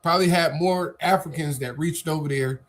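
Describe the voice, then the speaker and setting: In a casual debate chat on a live stream, a male co-host argues assertively, firing rhetorical questions and restarting his sentences repeatedly. His voice is slightly high and a bit fast.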